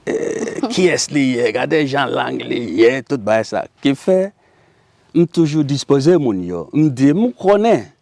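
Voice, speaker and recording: A man from Haiti with a Haitian Creole accent, speaking as a guest in a casual interview, animated and laughing often. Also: medium pitch, slow, vocal fry, no room sound.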